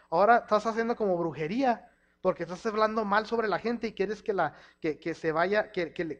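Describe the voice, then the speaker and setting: A man from El Paso, Texas, preaching a sermon in a church hall. He talks in an animated way, acting out quoted speech and slipping in English words. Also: high-pitched. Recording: dull lo-fi sound.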